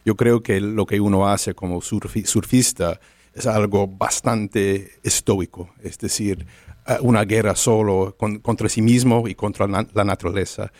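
A man's voice: fairly low pitch, steady tone, measured pace, darkish tone, dry recording. A man who is an immigration lawyer, speaking as a guest on an interview show in a reflective way and searching for his words. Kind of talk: interview conversation.

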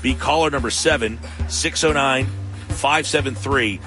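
A man's voice: medium pitch, a little slow, bright, forceful tone, soft background music. A male sports radio host delivering a contest promo on air. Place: live remote broadcast at a casino sports book.

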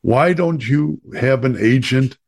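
Rambling middle-aged Chicago host. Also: male voice, medium pitch, takes it slowly, gravelly. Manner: rambling, lively, many fillers and restarts. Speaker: podcast host. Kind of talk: casual chat.

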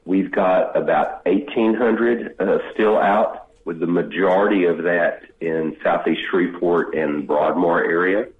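A man from a utility company on a speakerphone call to a radio show, giving a steady factual update with frequent "uh" fillers. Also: low-pitched, roomy sound. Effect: speakerphone over a phone line. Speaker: utility company spokesman phoning in. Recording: tinny phone line.

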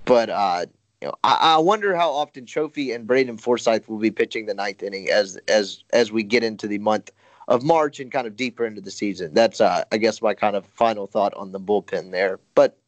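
A man's voice: lowish voice, a little fast, dry recording. A man chatting casually as a podcast co-host, rambling with many fillers and self-corrections. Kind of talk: casual baseball chat.

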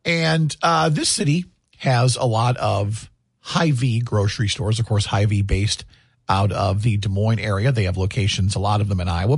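A man's voice: medium pitch, slightly rough, no echo, clean studio sound. A man hosting a morning country radio show, joking in playful banter with his co-host. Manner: playful, jokey, lively. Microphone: studio microphone.

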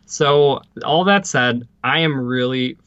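A man co-hosting a casual music news podcast, talking in an excitable, emphatic way and swearing freely. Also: medium pitch, takes it slowly, smooth, dry recording, highs cut off. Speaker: podcast co-host.

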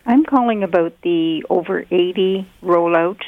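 A woman's voice: on the low side, measured pace. An older woman calling in to a radio show over the phone, blunt and exasperated. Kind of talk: call-in radio talk. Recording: dull phone line.

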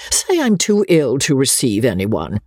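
A reader voicing a self-absorbed, peevish elderly woman of wealth who speaks in a breathy, whispery way. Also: a bass voice, wildly swooping pitch, unhurried, darkish tone, dry recording, full character voice.

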